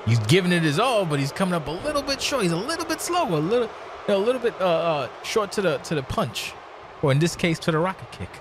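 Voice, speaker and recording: A man giving conversational color commentary on wrestling, casual and salty, with halting phrasing. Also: high-pitched, sing-song, noisy background.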